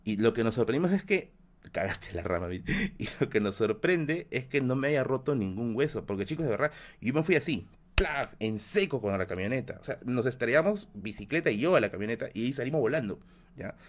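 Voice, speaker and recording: A man on a live stream, telling a personal story in a lively, animated way, with spoken sound effects and a frequent "¿ya?" at the ends of lines. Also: medium pitch, brisk.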